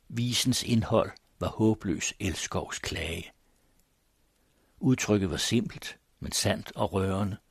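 A man narrating a classic literary story aloud in a measured, solemn manner. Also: on the low side, husky, dry recording, studio quality. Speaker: audiobook narrator.

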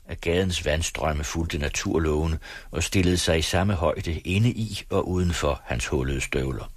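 A man reads a novel aloud on the radio with a measured, dramatic delivery. His voice is very low and husky, and the studio recording is dry and close. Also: no echo. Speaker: radio reader. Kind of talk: audiobook reading on radio.

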